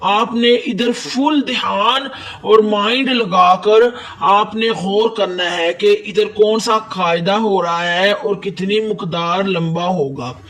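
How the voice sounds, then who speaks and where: Male tajwid teacher with a Pakistani Urdu accent, unhurried and methodical, drawing out each recited word; voice sits back from the mic. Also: high-pitched, a bit bright, recorded from a distance. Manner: slow, patient explanation with drawn-out recited words. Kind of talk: step-by-step tajwid lesson.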